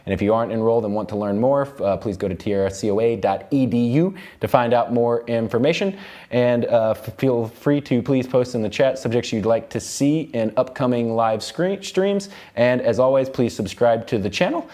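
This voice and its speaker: An American man in his thirties, working as a music production instructor, gives a casual live tutorial in loose phrasing from an indoor studio control room. His voice is mellow and medium-pitched, and he talks at a normal speed.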